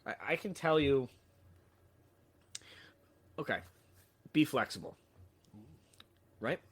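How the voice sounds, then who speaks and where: A man's voice: mid-range voice, expressive, takes it slowly, breathy edge. A man telling a story as a podcast guest, with lots of restarts, casual swearing and self-deprecating humor. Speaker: podcast guest, sales trainer.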